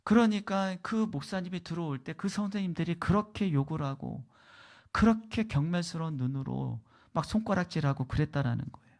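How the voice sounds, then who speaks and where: Gravelly-voiced man preaching a sermon. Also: a little high, lively intonation, a little fast. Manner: emphatic storytelling, swinging between loud and hushed. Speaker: guest pastor.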